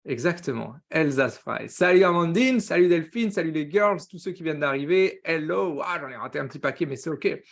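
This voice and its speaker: An energetic man runs a live coaching stream in a fast, upbeat patter. His voice sits a bit high for a man, and he peppers his talk with quick English words. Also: gravelly. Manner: says he talks very fast; upbeat, greets viewers by name, drops English words.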